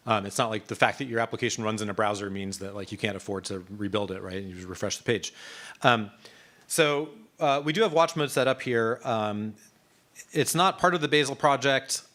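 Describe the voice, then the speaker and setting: A man's voice: lowish voice, a little fast, fairly bright tone. A man leading a live coding workshop, explaining in a casual, conversational way with many fillers and restarts. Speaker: workshop instructor.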